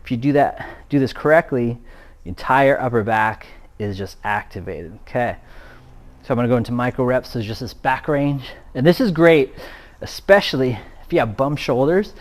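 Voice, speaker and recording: A man's voice: mid-range voice, normal speed. Breathless male fitness coach demonstrating exercises. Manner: energetic, explaining while exercising, gets louder during effort. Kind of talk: demonstrating a workout on camera.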